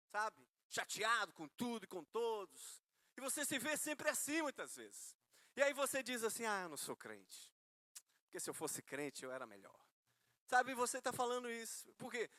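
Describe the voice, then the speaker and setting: Brazilian male preacher, high and forceful voice, chatty sermon storytelling, rhetorical questions to his listeners. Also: no room sound. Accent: Brazilian Portuguese. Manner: conversational, storytelling with self-mocking humor; asks listeners rhetorical questions, calls them brother.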